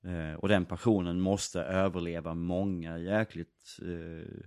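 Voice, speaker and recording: A man's voice: low-pitched, level tone, a little mellow, no echo, studio quality. A man, an actor and director answering interview questions casually, thoughtful and rambling with many fillers and restarts.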